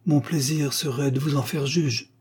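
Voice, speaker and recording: A man's voice: mid-range voice, steady tone, moderate pace, darkish tone, a little hiss or hum, pitched above the performer's own voice, lightly acted. A man reading aloud and voicing a polite, earnest young officer in a storybook. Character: gallant young male officer, eager and courteous.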